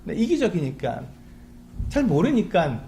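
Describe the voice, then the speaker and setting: Conversational Korean pastor preaching. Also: male voice, high-pitched, big pitch swings, moderate pace, dark tone, a little hiss or hum. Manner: conversational preaching with rhetorical questions; acts out quoted pleas to God. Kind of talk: Sunday sermon. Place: church sanctuary.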